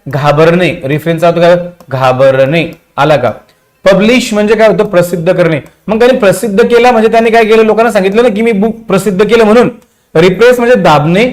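A male teacher with a Marathi accent giving an exam-prep vocabulary lecture, repeating meanings and quizzing his class. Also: high voice. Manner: repetitive, drilling meanings and asking the class.

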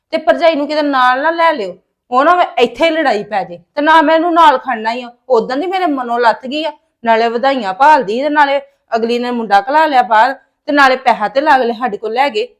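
A complaining, sharp-tongued wife from a home drama, played by a woman. Her voice is a little high, and her lines come out as steady reproach. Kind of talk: acted family drama dialogue.

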